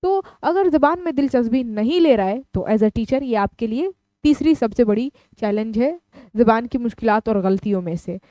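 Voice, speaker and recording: A woman's voice: a little high, expressive, normal speed, warm tone, no room sound. A woman teaching an exam-prep lecture, explaining each term and repeating it in plain words. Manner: explanatory, repeats terms in several languages.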